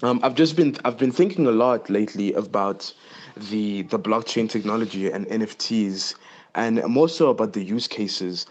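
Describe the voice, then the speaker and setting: A man's voice: fairly low pitch, normal speed. A teenage boy, a little out of breath, rambling impulsively as he explains things in a casual podcast monologue recorded on his phone. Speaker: podcast host. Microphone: phone voice note. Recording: dull lo-fi phone voice memo.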